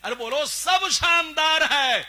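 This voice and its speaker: A man preaching to a live religious gathering in a high, bright, ringing voice. He speaks slowly and deliberately, drawing out his phrases. He keeps pushing the crowd to answer loudly and drifts into a sung chant at key lines. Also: animated. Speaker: Islamic preacher.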